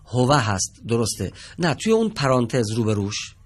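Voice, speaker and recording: A man teaching Quran reading in a televised studio lesson. He quizzes his students patiently and stretches out each example word slowly. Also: mid-range voice, big pitch swings.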